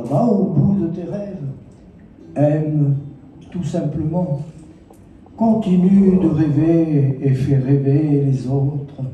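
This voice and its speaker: A man recites poetry slowly and lyrically, his voice dark and mellow, leaning into long dramatic pauses. He is heard from a distance in a large, echoing hall. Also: a little high, muffled recording, slight background noise. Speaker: poet. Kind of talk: poetry recitation with spoken story. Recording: echoey hall from far off.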